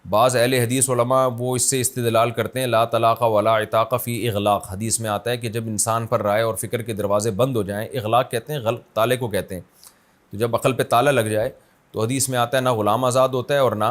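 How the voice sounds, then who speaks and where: A man's voice: mid-range voice, level tone. A man, an Islamic scholar, answering a viewer's question in a conversational but emphatic religious lecture, explaining with everyday examples. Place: his office city.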